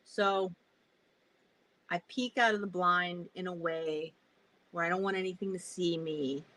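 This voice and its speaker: A woman's voice: lowish voice, unhurried, poor audio. A woman vlogging from a camper, telling a story casually, swearing often and acting out her own reactions. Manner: animated, swears a lot, acts out her reactions. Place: inside a camper.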